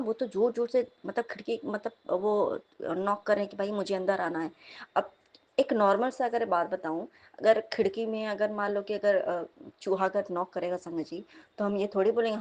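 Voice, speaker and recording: A young woman, telling of a dream as devotional testimony in a lively storytelling manner, often turning to her listeners. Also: mid-range voice. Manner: animated storytelling, repeatedly addressing listeners. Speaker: devotee sharing a dream at satsang.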